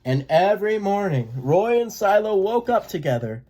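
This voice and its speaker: A person reading a children's picture book aloud in a gentle, expressive way. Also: mid-range voice, moderate pace. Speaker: read-aloud storyteller.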